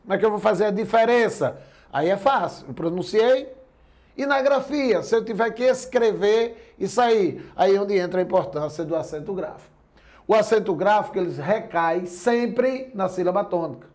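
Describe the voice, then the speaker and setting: A man with a high voice gives a grammar lesson in a Brazilian Portuguese accent. He walks through each point patiently and keeps asking whether everyone is following. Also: normal speed, a little mellow. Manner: explains step by step, keeps checking in with listeners. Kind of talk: classroom lecture.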